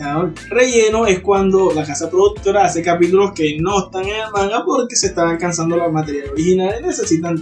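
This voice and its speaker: A man's voice: high-pitched, a little mellow, far from the mic. A man co-hosting a casual chat, explaining eagerly. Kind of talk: casual chat about anime.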